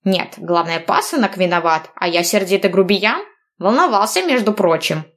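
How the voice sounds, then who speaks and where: A woman's voice: mid-range voice, expressive, moderate pace, natural voice. A woman voicing a grumpy, grumbling old grandfather in an audiobook story. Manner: gruff grumbling.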